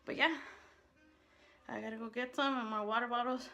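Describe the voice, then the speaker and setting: A woman's voice: a little high, steady tone, moderate pace, bright, forceful tone, faint music behind. A woman fitness vlogger talking casually in a rambling, slangy way, breathless from exercise. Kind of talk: casual chatty workout vlog.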